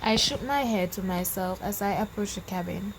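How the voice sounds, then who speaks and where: A woman's voice: mid-range voice, normal speed, a little hiss or hum, rough recording. A woman reading a novel aloud chapter by chapter, correcting her own slips as she goes. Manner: reads with slips and self-corrections. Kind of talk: storybook reading.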